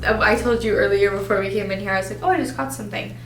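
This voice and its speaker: A woman's voice: medium pitch, fast, reverberant, faint music behind. A woman casually describing what she senses during a ghost hunt, in noisy on-location vlog sound. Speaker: paranormal investigator sensing spirits.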